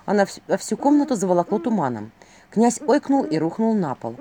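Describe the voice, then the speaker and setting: A woman narrating a fairy tale as an audiobook reader, with an expressive reading. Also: mid-range voice, a little fast, a crowd in the background.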